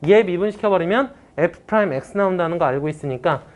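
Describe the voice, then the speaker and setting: Young woman math teacher, casual lecture, animated pitch, keeps checking in with students. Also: fairly quick, slight background noise. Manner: casual, talks to students directly, checks understanding often; mock-exasperated outbursts.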